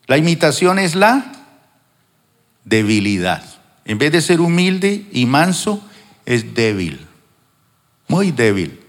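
A man preaches from the pulpit at an unhurried, deliberate pace, pausing for emphasis. He slips into little acted-out voices to make his points. His voice rings with the long reverb of a large hall. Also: a little high. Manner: teaching with acted-out examples, emphatic pauses. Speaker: pastor. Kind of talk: sermon.

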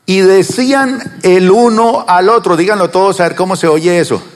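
A male pastor preaching to his congregation, asking them questions and answering them, slowing down on some words and rushing through asides. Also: high-pitched, big-room sound. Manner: swings between slow drawn-out words and fast asides. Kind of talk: sermon. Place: church.

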